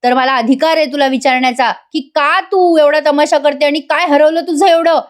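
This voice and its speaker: A woman's voice: high-pitched, fairly even intonation, a little fast, pitched above the performer's own voice, natural voice. Woman voicing an exasperated young husband. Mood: scolding. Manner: scolding, questioning. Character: exasperated young husband, questioning his wife.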